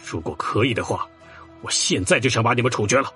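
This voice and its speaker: An actor playing a stern, angry middle-aged councillor in an audio drama. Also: male voice, medium pitch, big pitch swings, brisk, fairly bright tone, faint music behind.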